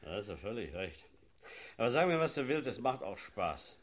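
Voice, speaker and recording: A man's voice: on the low side, big pitch swings, moderate pace. A man playing a gloating, leering riot cop. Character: zealous male riot policeman, relishing force. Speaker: policeman character. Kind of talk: satirical sketch dialogue.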